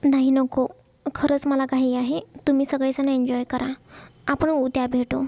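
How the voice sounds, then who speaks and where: Shy young college girl, hesitant and soft, high-voiced and creaky, as a woman storyteller plays her. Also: flat delivery, normal speed, no echo. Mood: reassuring.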